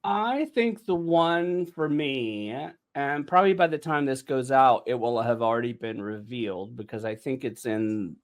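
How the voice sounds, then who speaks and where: A writer-producer hosts a casual behind-the-scenes podcast in a medium-pitched, animated voice, speaking a little slowly. He's emphatic, often repeating words for effect and checking in with "right?"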